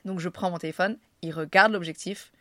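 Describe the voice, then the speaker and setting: Young Frenchwoman, casual vlogger, self-mocking and slangy, slightly low voice, dry close mic. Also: fairly even intonation, brisk, fairly bright tone, dry recording. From France. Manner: chatty, self-mocking, slangy, laughs often. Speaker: vlogger telling anecdotes. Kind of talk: casual storytelling to camera.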